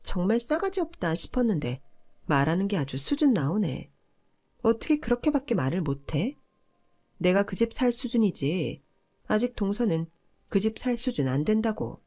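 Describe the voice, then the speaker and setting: A woman's voice: medium pitch, big pitch swings, moderate pace, dark tone. A woman voicing an overbearing, entitled middle-aged sister-in-law who talks down to others in a scolding tone. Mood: condescending. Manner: scolding, condescending.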